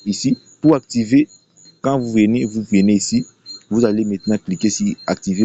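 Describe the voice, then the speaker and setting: A lowish, warm male voice carries this dull, lo-fi recording of an unscripted YouTube screen-share tutorial. The presenter, who is promoting a trading platform, explains forcefully and repeats his phrases a lot.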